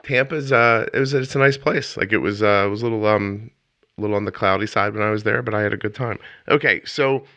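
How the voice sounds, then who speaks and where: A man's voice: lowish voice, fast talker, pushed and bright, dry recording, lo-fi sound. A man hosting a podcast interview in a casual, rambling way, often restarting his sentences as he tells a story. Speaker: podcast host.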